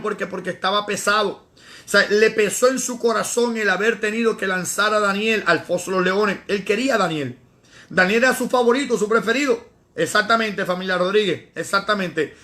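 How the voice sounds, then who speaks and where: An evangelist with a very high voice leads a Bible study. He reads scripture with dramatic flair and breaks in with animated, slangy asides that keep the teaching lively. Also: brisk.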